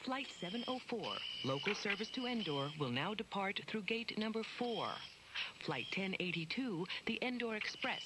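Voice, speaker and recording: A woman playing a spaceport gate announcer, making formal, measured announcements over a PA system. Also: medium pitch, lively intonation, noisy background. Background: loud music.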